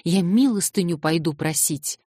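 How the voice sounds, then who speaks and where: A woman's voice: on the low side, moderate pace, breathy edge, no room sound, clean studio sound. A woman reading an audiobook voices a distraught young orphan girl who cries and refuses insistently. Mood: sobbing defiance. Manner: crying, shouting, insistent refusals.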